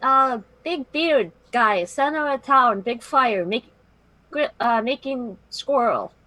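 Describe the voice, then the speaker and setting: Higher-voiced woman, breezy game player. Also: lively intonation, takes it slowly, sharp tone, dry recording, poor audio. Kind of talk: casual chat, informal role-play.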